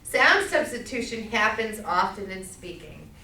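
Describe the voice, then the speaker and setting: A middle-aged woman with a Massachusetts accent teaching a speech class, loud and projecting, checking in with "okay?" as she goes. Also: medium pitch, big pitch swings, a little slow, far from the mic, slight background noise. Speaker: college speech instructor. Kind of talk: classroom lecture. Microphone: camera at a distance. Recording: echoey classroom recorded from afar.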